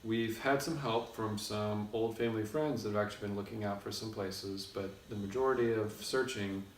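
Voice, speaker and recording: A man's voice: lowish voice, fairly even intonation, moderate pace. A man co-hosting a casual video blog, announcing things in a mock-formal way, recorded in an echoey room from a distance. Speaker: co-host of a couple's video blog. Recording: echoey room, distant mic, faint noise.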